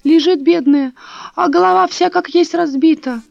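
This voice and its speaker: A woman's voice: very high voice, normal speed, creaky, darkish tone, dry recording, voice pushed up, heavily acted. A woman voicing a fussy, suspicious old female neighbor who chatters and repeats herself, on a dull, dry recording. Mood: gossiping.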